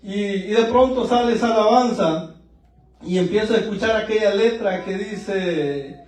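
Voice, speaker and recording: A man's voice: sits high, moderate pace, darkish tone. A man preaching a fervent evangelical sermon at a church service, mixing teaching with an emotional personal testimony. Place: church service in a large room. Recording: very echoey room, voice far from mic.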